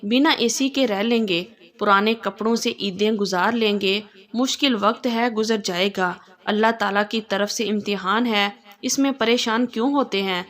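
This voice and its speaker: A woman's voice: mid-range voice, normal speed, a bit bright, close to an everyday voice. A woman voicing a sweet, teasing young wife in a read-aloud story. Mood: reassuring. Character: cheeky loving young wife.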